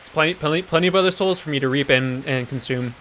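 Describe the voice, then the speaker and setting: A man's voice: fast talker, a bit bright, a little hiss or hum, lightly acted. A man voicing a boastful male Satan who cackles theatrically, in an improvised comedy story. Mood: awkward. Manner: booming theatrical laugh, then whiny complaints.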